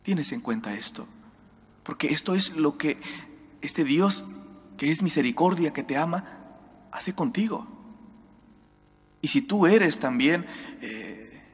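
A man's voice: a little high, lively intonation, slow pace, long pauses, breathy edge. A man in his thirties, a priest with a Spanish accent, giving an earnest homily from a church lectern microphone. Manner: earnest, exhorting, direct address to listeners. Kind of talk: homily at daily Mass. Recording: church reverb.

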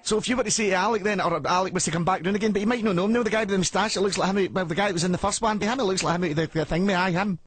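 A man with a Scottish accent playing a confused, persistent prank caller, silly and husky, rambling on in repetitive, muddled run-on sentences. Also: sits high, very fast, few pauses. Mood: muddled, insistent.

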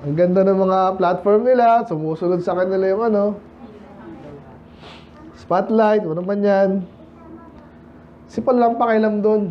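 A man's voice: high-pitched, unhurried, pauses often, dull audio, slight background noise. A man preaching a sermon in a conversational way, often asking the congregation questions and quoting English scripture. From Philippines. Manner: mixes English scripture quotes into Tagalog. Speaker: pastor.

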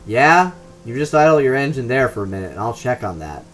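A man's voice: medium pitch, big pitch swings, fairly quick, fairly bright tone, slight background noise. A man voicing a brusque male gatekeeper speaking over an intercom in a game. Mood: hostile. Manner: curt, hostile.

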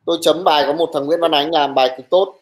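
A young man teaching an online class, his voice sitting a little high for a man. He talks briskly and teases his students, scolding them bluntly as he calls the roll. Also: steady tone, low-quality recording. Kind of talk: online class talk, taking attendance.

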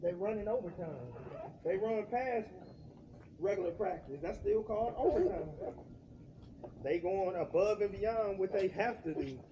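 A man's voice: high-pitched, unhurried. A middle-aged man, a father, chatting casually outdoors while washing a motorcycle, teasing and lecturing his son in slang. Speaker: vlogger and father. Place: outdoor driveway beside a house. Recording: dull outdoor sound with steady background noise.

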